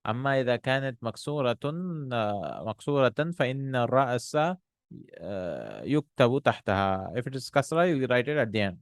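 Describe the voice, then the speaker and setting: During an Arabic textbook lesson, a man rattles off the Arabic text quickly, then translates and explains it slowly with frequent pauses and restarts. His voice is medium in pitch and sing-song, with no echo.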